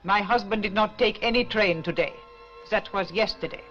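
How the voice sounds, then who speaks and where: Actress playing a cold, curt housewife. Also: female voice, mid-range voice, normal speed, a bit bright, faint music behind, natural voice. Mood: guarded. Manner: curt, stiffly formal. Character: cold, guarded wife of a mysterious man. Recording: dull 1960s film soundtrack.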